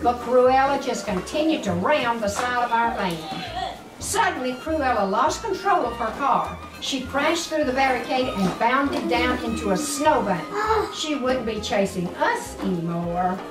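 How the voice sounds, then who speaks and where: Reading a storybook to a little one, an older woman adds small asides to explain things along the way. She sounds animated in a voice on the high side, reading a little slowly. Music plays in the background of this roomy recording captured from a distance.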